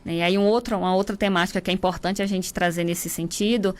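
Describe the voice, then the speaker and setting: A woman's voice: on the low side, fairly even intonation, fast. A woman with a Bahian Brazilian accent, an instructor explaining workplace ideas step by step in an interview. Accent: Bahian Brazilian Portuguese. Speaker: instructor at a transport workers' training center.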